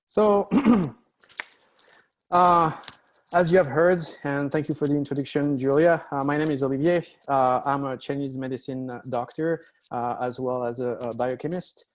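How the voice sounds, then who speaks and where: A middle-aged man from France with a French accent, giving a webinar lecture over a computer mic and pausing often with "uh". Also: mid-range voice. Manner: hesitant, many "uh" fillers. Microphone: computer mic on a video call.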